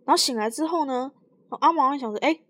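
A young woman co-hosting a podcast, telling a spooky story slowly and casually, often laughing. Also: high-pitched, fairly bright tone, dry recording. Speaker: podcast co-host.

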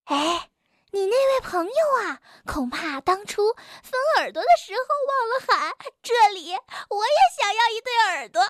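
A woman doing a shrill pushy young animal. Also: lively intonation, no echo, studio quality. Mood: pushy chatter. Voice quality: shrill, squeaky. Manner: chatty, rushed and pushy.

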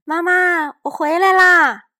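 A woman voicing a small, lonely invisible boy in a storybook reading, calling out high and loud. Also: lively intonation, unhurried, no room sound, clean studio sound. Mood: crying out.

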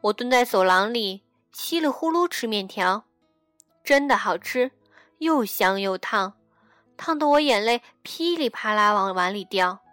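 A woman reading a story aloud in a gentle, intimate storytelling manner, acting out the dialogue as she goes. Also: mid-range voice, animated, unhurried, no room sound. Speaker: radio reader. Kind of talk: storybook narration over music. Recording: dry close mic with soft background music.

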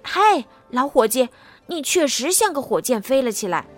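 A woman's voice: sits high, sing-song, moderate pace, soft background music. A woman doing squabbling animal workmen. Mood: bickering. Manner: quarrelsome, calling out. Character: noisy, bickering animal workmen. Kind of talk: storybook reading.

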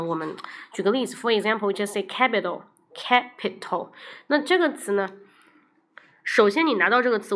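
A woman teaching English vocabulary on a livestream, with a voice of middling pitch. She talks through her method in Chinese, drops English phrases into her sentences, and slows down to sound out words one syllable at a time. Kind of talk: livestream lesson.

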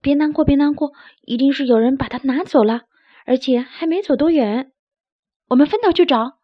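A woman's voice: high voice, moderate pace, no echo, lightly acted. A woman voicing a cheerful, encouraging young chick in a children's story. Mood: soothing. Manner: encouraging, lively. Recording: dry, slightly dull recording.

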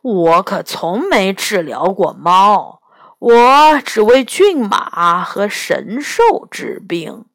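Storybook elder: woman doing a slow, boastful, stingy old man, lower and drawn out. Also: very animated, fairly bright tone, no room sound, studio quality, full character voice. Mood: proud.

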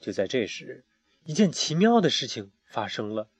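A man's voice: mid-range voice, sing-song, slightly rough, dry recording. Man reading a children's story aloud. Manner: warm, drawn-out, with hesitation fillers. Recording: dull, muffled lo-fi recording.

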